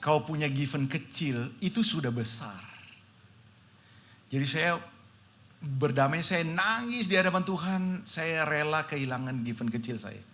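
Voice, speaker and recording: A middle-aged man preaching a heartfelt sermon, his bright, slightly high voice swinging between soft, slow confession and loud surges. He keeps turning to the congregation and calls them brothers and sisters. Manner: emotional, animated storytelling; repeatedly addresses listeners as brothers and sisters. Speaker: pastor.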